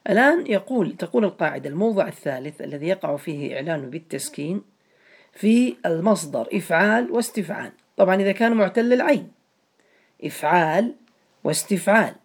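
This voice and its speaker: A man's voice: sits high, lively intonation, quick pace. A man teaching a grammar lesson to a class, patiently repeating each step and calling on students by name.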